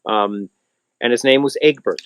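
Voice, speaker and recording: Animated male musician telling stories. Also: moderate pace, slight background noise, poor audio. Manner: animated, acts out voices in high squeals. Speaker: musician guest. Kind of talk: casual storytelling interview. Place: outdoors on a small farm.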